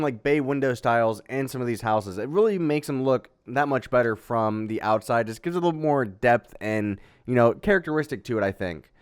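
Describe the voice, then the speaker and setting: A man casually narrating a step-by-step building tutorial in a relaxed, chatty way, with fillers and little sound effects. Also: mid-range voice, smooth. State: has the hiccups. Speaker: Minecraft building tutorial host.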